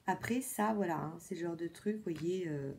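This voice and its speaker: A woman vlogger chatting casually through a makeup product review, repeating words often and filling pauses with many fillers. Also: on the low side, gravelly, a little mellow. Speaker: beauty vlogger.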